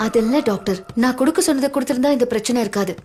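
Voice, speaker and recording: A woman's voice: a little high, a little mellow. A woman in a comedy skit who talks in a fussy, scolding, nagging way. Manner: fussy and scolding, quick to nag. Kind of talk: casual comic skit dialogue.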